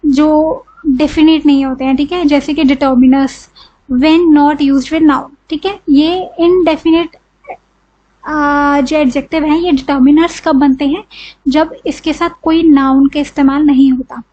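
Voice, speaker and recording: An unhurried woman with a high, dark-toned voice and fairly even intonation teaches grammar in an Indian accent over dull audio. She lays things out step by step, answers her own questions, and often says "ठीक है".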